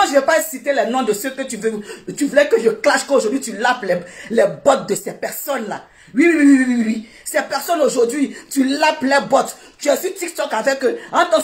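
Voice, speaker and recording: A high-voiced woman hurls taunts on a livestream. She shouts, mocks and laughs through the whole rant. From Ivory Coast. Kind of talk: insult-laden livestream rant.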